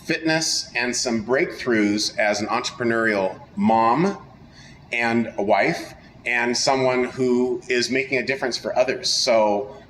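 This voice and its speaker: A man's voice: medium pitch, measured pace, a little hiss or hum, low-quality recording. An enthusiastic middle-aged man hosting an upbeat interview chat with a guest. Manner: enthusiastic, energetic. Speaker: host.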